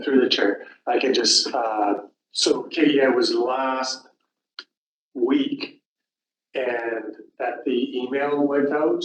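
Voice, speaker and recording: A man's voice: mid-range voice, lo-fi sound, slight background noise. A man on a commission's staff, explaining procedure at a public meeting with many fillers. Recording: echoey room, distant mic, faint ambience.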